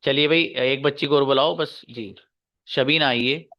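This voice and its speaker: Teaching English grammar online, a man with a mid-range voice calls on his pupils individually. He repeats the key bits slowly and patiently, heard through dull audio.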